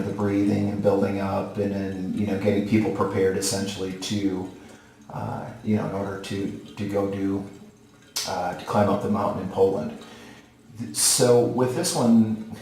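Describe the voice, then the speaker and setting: A man in his forties talks casually to the camera like a vlogger, with halting, unhurried delivery. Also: on the low side, a little mellow. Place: small tiled bathroom, sitting in a bathtub. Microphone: camera or phone a short distance away. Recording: very echoey tiled bathroom.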